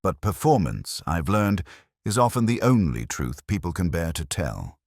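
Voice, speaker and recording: A man playing a melancholy, cerebral police inspector, narrating a murder case in a measured, formal, literary first person. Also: deep voice, sing-song, a little mellow, dry recording, studio quality, heavily acted. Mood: brooding, reflective.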